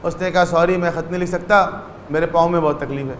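High-voiced man lecturing in a hall. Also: fairly even intonation, a little hiss or hum. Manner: explanatory, acts out short dialogues in stories. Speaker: religious lecturer. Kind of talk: religious lecture.

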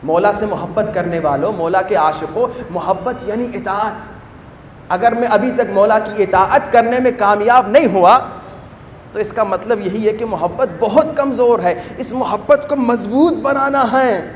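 A male cleric delivering a fervent sermon, asking rhetorical questions and rising to forceful emphasis. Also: high voice, slight background noise. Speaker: Shia cleric giving a majlis sermon. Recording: echoey hall with long reverb.

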